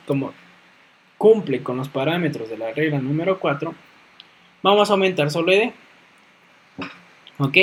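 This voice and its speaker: A man teaching a grammar lesson, who checks in with a questioning "ok?" after almost every phrase and slowly repeats words to show their stress. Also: a little high, poor audio. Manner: clears throat now and then. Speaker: English teacher. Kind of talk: explaining grammar rules in a lesson.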